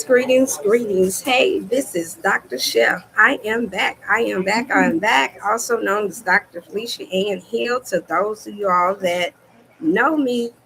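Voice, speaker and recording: A woman hosting her wellness channel live, chatting excitedly with viewers, repeating herself and getting tongue-tied, greeting people by name. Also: medium pitch, creaky, a little hiss or hum, poor audio. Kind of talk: casual live stream chat.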